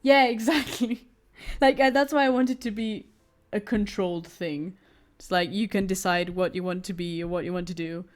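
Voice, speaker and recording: A woman's voice: medium pitch, moderate pace, hardly any pauses, soft background music. A young woman streaming as she draws, chatting casually in a rambling way with many fillers, stammered restarts and frequent laughs. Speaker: artist streaming while drawing. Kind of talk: casual chat while drawing.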